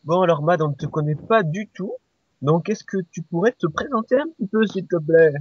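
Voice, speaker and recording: A man's voice: high voice, brisk, breathy edge, no echo. A man co-hosting an amateur radio show, asking playful, nitpicking questions. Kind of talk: casual interview. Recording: dry, dull lo-fi audio.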